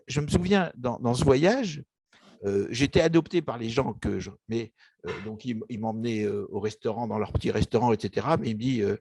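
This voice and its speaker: Hesitant and full of fillers and restarts, an older Egyptian man recalls personal memories in a casual interview about his book. He speaks in a mid-range voice that is creaky, husky and a little mellow. There's no room sound in the recording.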